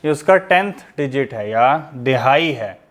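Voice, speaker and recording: A man's voice: mid-range voice, lively intonation, unhurried, a bit bright. A man teaching a grammar lesson over an online class. He explains step by step, asking the class questions and then answering them himself.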